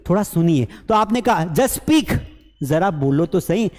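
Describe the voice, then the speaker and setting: High-voiced guy teaching english online, teasing and lively, big reverby hall sound. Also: moderate pace, faint music behind. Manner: lively, teasing, acts out learners' mistakes. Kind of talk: online class lecture.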